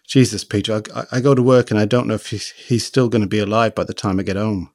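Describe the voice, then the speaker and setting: A man reads the part of a troubled young father, tense and pleading. The voice is lowish and slightly raised for the figure. The sound is dry and close, with little room around it. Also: steady tone, quick pace, a little mellow, no echo, lightly acted.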